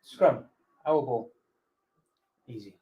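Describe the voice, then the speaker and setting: A man co-commentating on a live rugby match. He mixes brief interjections with calm tactical analysis. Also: mid-range voice, takes it slowly, rough recording.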